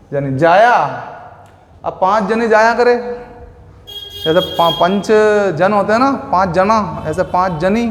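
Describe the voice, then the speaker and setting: A man with a fairly high voice drills vocabulary for competitive exams. He talks in a repetitive question-and-answer way and calls his students "beta". The sound is roomy, with a long reverb trailing behind him. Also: a little hiss or hum. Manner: playful memory tricks, addresses listeners as beta and bhaiya. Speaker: teacher. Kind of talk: exam-prep Hindi vocabulary lesson. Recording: echoey room with long reverb.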